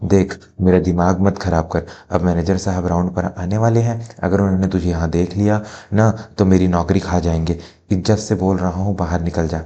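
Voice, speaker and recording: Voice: low-pitched, level tone, moderate pace, hardly any pauses, dark tone. A man playing an arrogant, bullying car showroom salesman in a family drama. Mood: threatening. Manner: rude, scornful, bullying.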